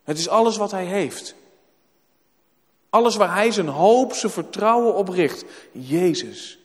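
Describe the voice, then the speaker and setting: A man's voice: high-pitched, lively intonation, unhurried. A man preaching a sermon in a church, emphatic and repeating words for weight. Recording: long hall reverb.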